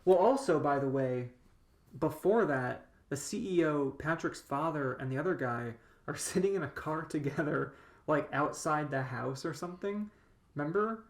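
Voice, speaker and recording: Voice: medium pitch, animated, normal speed, reverberant. A podcast co-host casually retelling a film scene with many fillers. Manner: chatty, filler-heavy retelling. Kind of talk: casual chat recapping a film.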